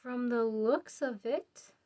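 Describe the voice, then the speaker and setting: A woman's voice: on the high side, takes it slowly, darkish tone. A woman giving a casual pick-a-card tarot reading, chatty and musing aloud, laughing often and a bit out of breath. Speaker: tarot reader.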